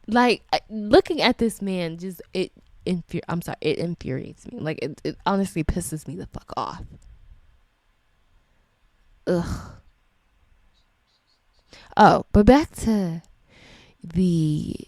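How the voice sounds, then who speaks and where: Woman, fed-up educator doing reaction commentary, mellow low tone, unhurried swearing rants. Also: animated, no echo. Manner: indignant, profane ranting; repeats rhetorical questions.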